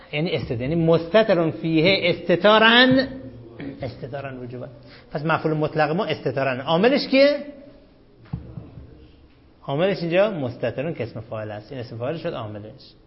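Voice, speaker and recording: A man teaching an Arabic grammar lesson, asking his students questions and answering them himself, and reciting the analysis of sentences in a slow, chanting cadence. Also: fairly high pitch. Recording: dull lo-fi recording.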